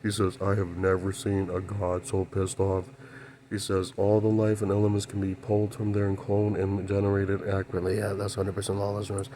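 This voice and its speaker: A man talks in a low, flat, unvaried voice, in a rambling monologue made of broken phrases. He keeps affirming his own points as he goes. Faint noise hums underneath. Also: fairly quick. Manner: repetitive, keeps affirming himself with "yeah, that's true". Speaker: channel host.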